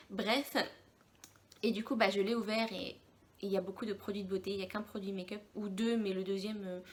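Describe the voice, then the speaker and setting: A woman vlogger chats casually through a beauty box unboxing at a middling pitch. She rambles a little and thinks aloud as she goes, with a faint hiss of noise under her voice. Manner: chatty, meandering, thinking aloud.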